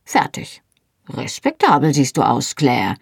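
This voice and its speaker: A bustling, brisk young Highland sister as a woman reader voices her, pitched up and lively. The voice is gravelly and husky, and it is recorded dry and close. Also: dry recording, heavily acted.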